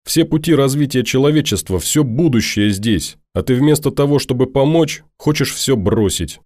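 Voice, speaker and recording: A man's voice: medium pitch, expressive, moderate pace, darkish tone, dry recording, studio quality, voice pushed up, close to an everyday voice. A man voicing a fiery, pleading young woman. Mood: angry. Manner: insistent, scolding, pleading.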